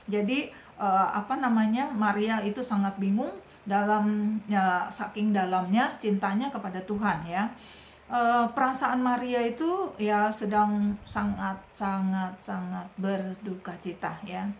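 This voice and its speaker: A woman giving a sermon, speaking gently and often tagging her sentences with short affirming words. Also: medium pitch, a little slow. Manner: gentle, repeats "ya" and "gitu" often. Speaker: preacher. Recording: echoey room with faint noise.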